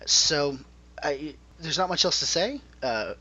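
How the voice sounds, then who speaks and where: A man's voice: a little high, lively intonation, slow, sharp tone. A man hosting a casual gaming podcast over a conference call, chatty and explaining at length. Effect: conference call line. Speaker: podcast host. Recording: dull lo-fi call audio.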